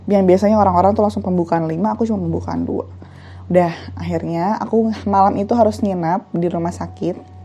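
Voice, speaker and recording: A woman's voice: lowish voice, steady tone, brisk, warm tone, slightly rough, lo-fi sound. A young woman vlogger chatting casually through a personal story, with many fillers and asides.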